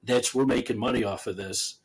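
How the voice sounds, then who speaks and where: Husky-voiced man, chatty author guest. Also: medium pitch, fairly even intonation, fairly quick. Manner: chatty, laughs often, trails off and restarts. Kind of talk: casual conversational interview.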